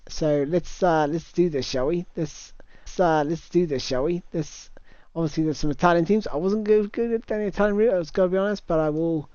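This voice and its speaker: Chatting through a casual game livestream, a man reads viewer comments aloud and laughs readily, using a new cheap mic. His voice is on the high side and dark, at a moderate pace. The lo-fi recording is dull and dry, with no room sound.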